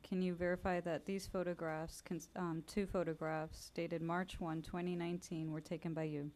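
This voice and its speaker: Flat-voiced woman prosecutor, courtroom recording. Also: lowish voice, moderate pace. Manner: flat, procedural reading of case details. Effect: courtroom hearing recording. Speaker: city prosecutor. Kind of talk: formal witness questioning. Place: hearing room.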